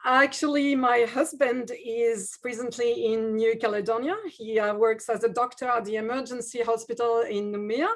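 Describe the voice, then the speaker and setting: A woman's voice: on the high side, little pitch movement, normal speed, hardly any pauses. A woman with a French accent presenting as a tourism representative in a webinar, speaking hesitantly with many fillers. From France. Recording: video call audio.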